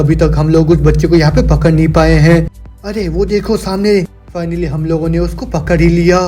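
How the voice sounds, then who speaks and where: A man's voice: fairly high pitch, mellow. A man retelling a comic's story in a plain storytelling way, speaking the characters' lines in his own voice. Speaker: manhwa recap narrator. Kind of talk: storytelling recap narration.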